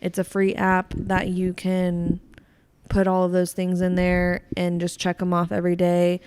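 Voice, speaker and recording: A woman's voice: on the low side, completely flat delivery, a little slow, darkish tone, clear, resonant tone. A young woman co-hosting a podcast in casual chat, giggly and full of fillers. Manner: chatty, giggly, trails off with fillers. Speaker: podcast co-host.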